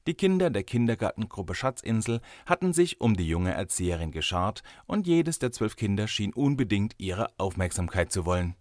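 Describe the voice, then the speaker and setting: Lively low-voiced male storyteller. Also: moderate pace, few pauses, dry recording, studio quality. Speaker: narrator. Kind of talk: audiobook story reading.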